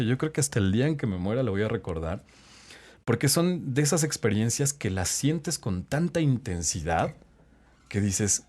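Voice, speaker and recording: A middle-aged man with a Mexican accent, a voice-over announcer, telling animated stories and acting out the people in them as a podcast guest. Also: medium pitch. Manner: animated anecdote-teller, acts out quotes. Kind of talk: casual storytelling chat.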